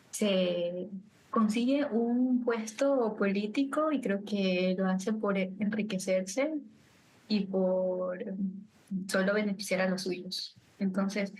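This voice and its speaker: A woman from Ecuador, chatting as a podcast guest, laughing often and tossing in lively asides. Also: medium pitch, takes it slowly, slight background noise, low-quality recording. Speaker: guest scientist. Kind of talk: casual podcast chat.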